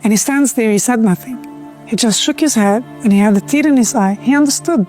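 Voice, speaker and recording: A middle-aged woman, telling her personal story in an earnest, measured way. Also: a little high, darkish tone, soft background music. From Lebanon. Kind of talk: personal testimony.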